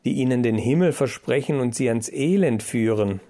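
A man's voice: mid-range voice, normal speed, warm tone, lightly acted. A man voicing a curious young male mouse who keeps asking questions. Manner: questioning, eager.

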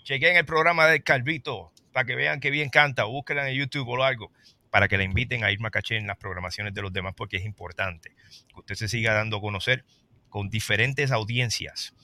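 Man, talk host, lively, low pitch, sharp bright tone. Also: fairly quick. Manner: lively, reads viewer comments aloud. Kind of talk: casual talk-show chat.

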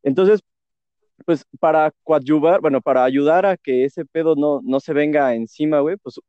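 A man's voice: on the high side, normal speed, warm tone, no echo, highs cut off. Young Mexican man on a call that keeps cutting out. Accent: Mexican Spanish. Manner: slangy, rambling, many fillers. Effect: video call audio cutting out. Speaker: university student. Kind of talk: casual online discussion. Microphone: video call.

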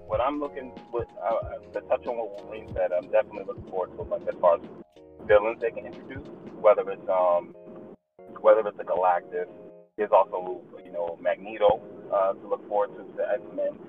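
A man's voice: lowish voice, fairly even intonation, normal speed, distant mic, faint music behind. A man calling in on a tinny line that sounds like a tin can, talking loosely and hesitantly while driving his car. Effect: tinny phone-like sound, like talking through a tin can. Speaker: call-in panelist. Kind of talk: casual chat. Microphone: remote call mic.

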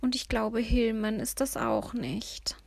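A woman's voice: animated, slow, gravelly, husky, no room sound, exaggerated voice. A woman doing a chirpy fussy old lady. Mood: fretful. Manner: chirpy, exclaiming, higher than the narration. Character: cheerful fussy old woman of 79, a nervous driver.

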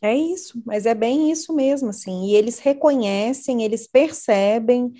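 A middle-aged Brazilian woman speaks in a warm, relaxed tone pitched slightly high. She is a parent educator who talks earnestly in a conversational interview, animated as she tells stories. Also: moderate pace. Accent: Brazilian Portuguese.

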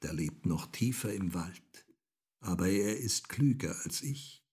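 A man's voice: low-pitched, animated, a little slow, darkish tone, slightly rough, exaggerated voice. A man voicing a kindly old wise woman in a fairy tale, speaking in a comforting way.

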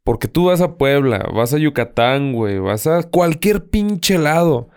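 A young man from Zacatecas with a Zacatecas Mexican accent, co-hosting a casual podcast chat, blunt and quick to swear and laugh. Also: fairly high pitch, lively intonation, darkish tone, clear, resonant tone. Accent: Zacatecas Mexican Spanish. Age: young adult. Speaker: podcast co-host.

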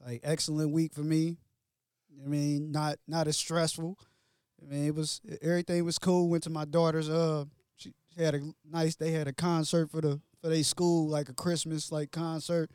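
Man, podcast co-host, laid-back casual chat, slightly higher voice, dry close sound. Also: little pitch movement, a little mellow, smooth, no echo. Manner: laid-back, drawn-out, says "man" often.

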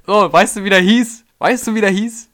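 A man's voice: high-pitched, moderate pace, fairly bright tone. A man with a slightly raised voice vents in a casual podcast rant. He is worn out and irritable after work, swearing freely and acting out rude customers in little quoted voices. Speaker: podcast co-host.

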